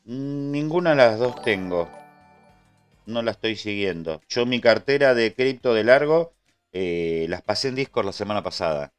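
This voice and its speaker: A man's voice: lowish voice, lively intonation, unhurried, clean tone, soft background music. A man with an Argentine accent hosting a casual live trading stream, chatting loosely and answering his viewers. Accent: Argentine Spanish. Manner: chatty, answers chat and thanks subscribers.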